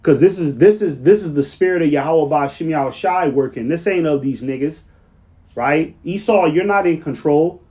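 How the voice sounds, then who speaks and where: A weary man talks through the news in a loose, rambling way, often tossing in "right?" to his listeners. His voice sits somewhat high and he slows down to read quotes aloud. The recording sounds muffled and lo-fi. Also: mellow. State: tired, yawning late at night. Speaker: online commentator. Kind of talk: casual commentary reading news aloud. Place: at work, late at night.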